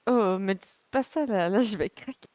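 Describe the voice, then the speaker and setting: Woman, incredulous and exclamatory, mid pitch, dry sound. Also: a little mellow, dry recording. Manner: incredulous, exclamatory, quick to interrupt. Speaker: roleplayer playing a Québécois character. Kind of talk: in-character roleplay chat.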